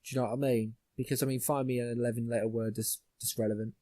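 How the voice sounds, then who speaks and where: A man's voice: mid-range voice, little pitch movement, rapid-fire, mellow, no echo. A young man hosting a podcast, ranting bluntly with plenty of swearing in casual chat. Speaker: podcast host.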